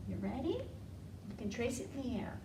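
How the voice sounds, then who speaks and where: Hosting storytime at a children's library, a woman coaxes the little ones with questions while sharing stories and rhymes, her voice a little high, very animated and fairly quick. The room is echoey, and a distant mic picks up clear noise.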